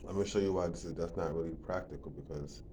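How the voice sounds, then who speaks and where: A man's voice: deep voice, fairly even intonation, quick pace, dark tone, slight background noise. A man giving a casual, rambling monologue, often repeating words and building to emphatic points.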